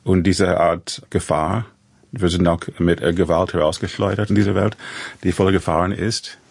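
Deep gravelly man. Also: steady tone, no echo. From USA. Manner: thoughtful, halting, with many restarts and fillers. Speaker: composer. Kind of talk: interview conversation.

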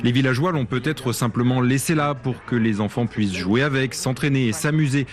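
A man reading a voice-over translation in a steady way. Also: mid-range voice, brisk. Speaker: voice-over interpreter. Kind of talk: dubbed voice-over.

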